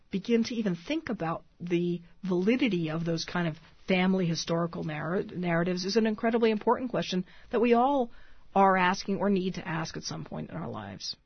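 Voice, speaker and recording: A woman's voice: fairly low pitch, husky, no room sound. A woman author answering questions in a radio interview, thoughtful and full of restarts. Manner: thoughtful, many restarts and fillers. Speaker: author guest. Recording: dull lo-fi radio sound.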